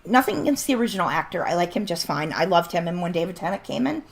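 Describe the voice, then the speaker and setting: Her voice sits lowish and gravelly, with big swings in pitch, and she talks fast. She's livestreaming a game and chatting casually and bluntly, laughing often as her voice starts to go.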